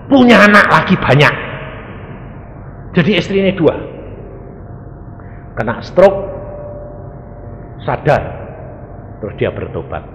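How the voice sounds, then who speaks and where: A man preaching a sermon, telling stories and acting out the people in them with sudden shouts. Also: on the high side, slow, long pauses. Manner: animated, acts out quoted voices, sudden shouts. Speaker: evangelist preacher. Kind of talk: sermon with storytelling. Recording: echoey hall with faint noise.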